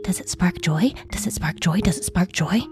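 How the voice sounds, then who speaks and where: Woman doing an eerily calm girlfriend, flat and cold. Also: lowish voice, slow pace, music in the background. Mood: whispering. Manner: calm monotone, turning to frenzied whispers. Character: eerily calm young woman obsessed with tidying.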